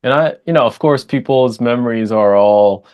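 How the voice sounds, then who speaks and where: A male musician answers questions in a relaxed, meandering way. He often restarts his sentences and fills the gaps with "you know" and "like." His voice sits at a middling pitch with an everyday tone. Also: normal speed, clear, resonant tone, muffled recording. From Japan and the United States. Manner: rambling, many restarts and fillers, laughs easily. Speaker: guest musician. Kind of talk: casual interview answers.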